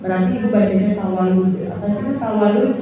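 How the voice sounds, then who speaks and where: A woman's voice: medium pitch, fast talker, dark tone. A woman teaching Quran recitation to a group of women, patiently demonstrating each verse and explaining the rules. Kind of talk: tajwid lesson to women. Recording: echoey room, far from mic.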